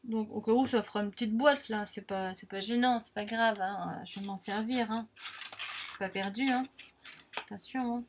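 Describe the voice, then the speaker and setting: A crafting vlogger with a mid-range voice chats casually while demonstrating a paper craft, her intonation fairly even and her pace moderate. She's self-deprecating, full of little filler words, and has the hiccups. A slight hiss or hum sits under the audio.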